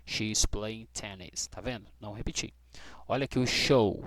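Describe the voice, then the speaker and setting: A Brazilian man teaching English grammar to students, patient and checking in often with short questions, spelling out letters slowly. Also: on the low side, a crowd in the background. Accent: Brazilian Portuguese. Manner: spells out letters slowly, stressing key words. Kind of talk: explaining grammar rules to students.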